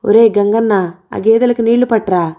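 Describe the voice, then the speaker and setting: A woman voicing a loud, teasing middle-aged village woman who scolds and grumbles, in a storybook reading. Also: on the high side, moderate pace, natural voice. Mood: scolding, teasing. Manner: scolding and grumbling, shouts often.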